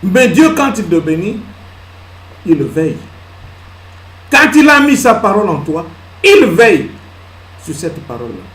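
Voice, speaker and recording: Male pastor, lively fairly high voice, emphatic sermon delivery in a reverberant hall. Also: a little slow, long pauses. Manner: emphatic preaching that swings between loud peaks and hushed asides; asks the congregation questions and answers them himself. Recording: echoey hall with faint ambience.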